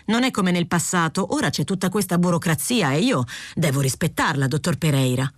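A woman's voice: on the low side, animated, a little fast, dry recording, studio quality. A woman reading aloud, voicing an anxious, rule-bound male print-shop foreman in an audiobook. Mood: fretful. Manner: fretful, cautious, rule-bound.

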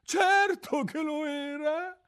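A man reading an audiobook, voicing a mournful, sighing old Mock Turtle in a slow, plaintive, wavering way. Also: very high voice, fairly bright tone, pitched above the performer's own voice, full character voice. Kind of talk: audiobook character voice.

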